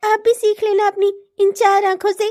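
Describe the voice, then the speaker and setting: Woman doing a bratty teen sister in a cartoon, squeaky high, giggly and mean. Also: level tone, moderate pace, darkish tone, no echo, studio quality. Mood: sarcastic. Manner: teasing, giggling, sarcastic. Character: mocking teenage sister-in-law, bratty. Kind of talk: comic cartoon voice acting.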